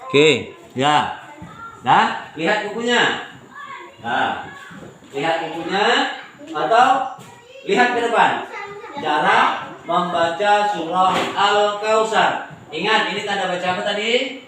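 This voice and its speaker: A male primary school teacher, patiently drilling pupils with repeated questions and chanting the recitation slowly. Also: high-pitched, animated. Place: large echoey classroom. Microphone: camera at a distance. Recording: echoey classroom from far off, faint noise.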